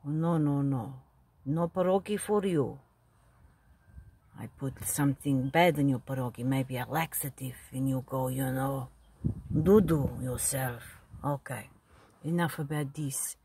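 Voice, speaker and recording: A woman's voice: very deep voice, unhurried, mellow, a little hiss or hum. A woman voicing an elderly immigrant grandfather who rambles bawdily in broken English. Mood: rambling. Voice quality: very husky. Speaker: comedy video character. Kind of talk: comic character monologue.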